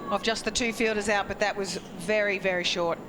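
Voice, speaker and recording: A woman with an Australian accent explains the cricket as an expert commentator. Her delivery is informal and conversational, at a middling pitch. Clear outdoor noise and traffic ambience sit behind her. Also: fairly even intonation, fairly quick. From Queensland, Australia. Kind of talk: live sports analysis, conversational.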